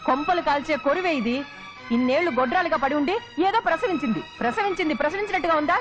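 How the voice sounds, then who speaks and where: A woman's voice: high voice, lively intonation, racing. A spiteful scolding mother. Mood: bitter scolding. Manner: scolding, cursing, melodramatic. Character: scheming sharp-tongued middle-aged mother. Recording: dull film audio with music.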